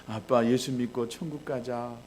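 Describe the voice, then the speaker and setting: A man's voice: medium pitch, fairly even intonation, moderate pace, darkish tone, slight background noise, lightly acted. A male pastor voicing an eager pleading young boy. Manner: pleading, insistent.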